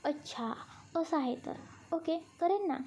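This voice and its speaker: A woman's voice: extremely high pitch, animated, unhurried, dark tone, slight background noise, voice pushed up. A woman voicing a sensitive young wife. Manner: reproachful, teasing with her friend. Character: young woman, timid and easily upset.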